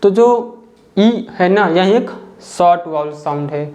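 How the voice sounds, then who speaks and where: A man with a somewhat high voice explains things step by step like a teacher at a board. He is patient, repeats each point and checks in with the listener before moving on. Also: slow, darkish tone.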